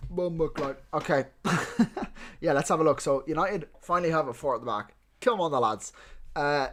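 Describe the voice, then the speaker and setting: Male streamer, slightly high-pitched, casual and excitable, swears freely. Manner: excitable, swears, addresses viewers as lads. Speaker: fantasy football streamer. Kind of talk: live stream chat.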